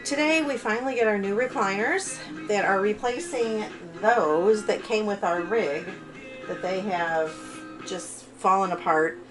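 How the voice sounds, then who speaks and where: A woman's voice: mid-range voice, measured pace, loud music behind the voice, rough recording. A woman giving a casual vlog narration, recorded inside a small RV trailer. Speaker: vlogger. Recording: clear background noise, small RV interior.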